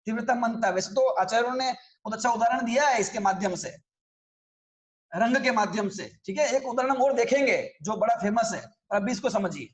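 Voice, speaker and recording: A man's voice: extremely high pitch, a little fast, reverberant. A man teaching a religious scripture class, explaining in a conversational way and often checking that his listeners follow.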